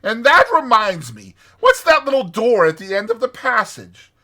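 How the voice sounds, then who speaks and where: Man doing a high, hearty storybook rat. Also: sing-song, sharp tone, full character voice. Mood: jolly, teasing. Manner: exclamatory, brisk old-chap chumminess. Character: hearty, bossy, cheerful rat, a loyal friend.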